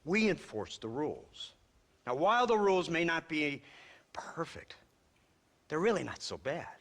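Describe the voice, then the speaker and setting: A man's voice: a little high, big pitch swings, unhurried, a bit bright, heavily acted. An actor playing a condescending, cynical lawman villain in a western video game, lecturing sardonically. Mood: mocking, lecturing. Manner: sardonic, drawling lectures broken by chuckles. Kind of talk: video game cutscene monologue.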